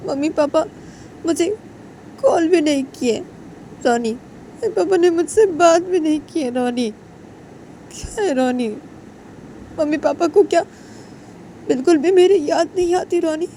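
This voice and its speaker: A woman voicing a young man in a storybook romance who cries and pleads, his voice pitched high and tearful. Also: measured pace, pauses often, warm tone, slight background noise, poor audio. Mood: tearful pleading. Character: young man sobbing, missing his parents.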